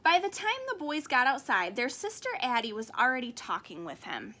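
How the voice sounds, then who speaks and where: A woman reading a children's picture book aloud as an expressive storyteller. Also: high voice, moderate pace, slight background noise. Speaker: storybook reader.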